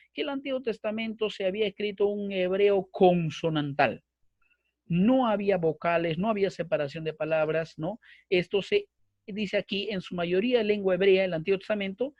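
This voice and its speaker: A man's voice: high voice, a little mellow, no room sound, dull audio. A man teaching a bible course online, explaining at length and repeating himself, with frequent fillers. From Peru. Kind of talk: online lecture. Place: online class with screen sharing.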